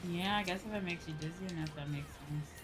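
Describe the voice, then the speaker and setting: Talking fast in a fairly low voice, a woman livestreamer chats casually with viewers while she plays online games, swearing a bit. Game music plays in the background.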